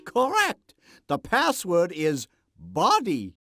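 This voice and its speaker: An actor voicing a calm, patient talking Beethoven helper in an educational game. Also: medium pitch, slow, over loud music, full character voice. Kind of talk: 1990s educational game voice acting.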